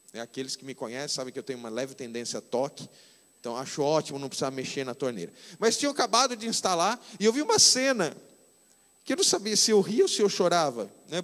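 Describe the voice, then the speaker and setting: Man, 50s, Brazilian accent, pastor, sermon, slow emphatic key phrases, long church reverb. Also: high-pitched, fairly bright tone. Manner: conversational preaching with slow, stressed key phrases. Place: church hall.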